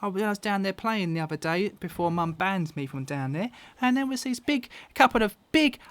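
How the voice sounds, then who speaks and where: A man's voice: high-pitched, lively intonation, normal speed, fairly bright tone, voice pushed up. A man voicing a young farm boy who boasts about being brave and wants to be an adventurer. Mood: excited. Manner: boastful, eager, stumbling.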